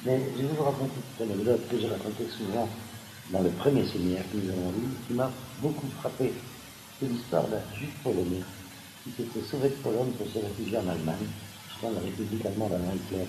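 A man giving a lively seminar lecture, pausing with frequent asides and restarts. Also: fairly low pitch. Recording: echoey room with background noise.

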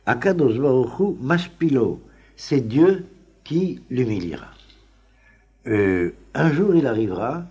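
A man teaching a class on the Talmud in an informal, halting lecture full of fillers and restarts. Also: mid-range voice, dark tone. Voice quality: very husky voice. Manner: halting, many fillers and restarts, chuckles often.

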